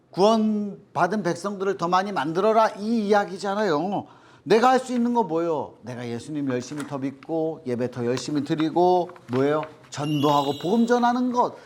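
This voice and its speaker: A man teaching a children's Bible lesson, asking the kids questions and acting out the quoted voices in the story. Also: fairly high pitch.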